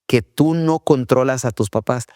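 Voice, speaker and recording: A man's voice: medium pitch, normal speed, a little mellow, dry recording, clean studio sound. A man co-hosting a faith-based parenting podcast, talking casually and acting out children's whiny voices now and then. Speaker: podcast co-host, father.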